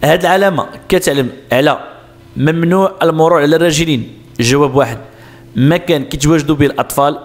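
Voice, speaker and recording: A man with a Moroccan Arabic accent explaining road sign exam answers step by step, asking questions and answering them himself. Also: on the high side. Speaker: driving instructor.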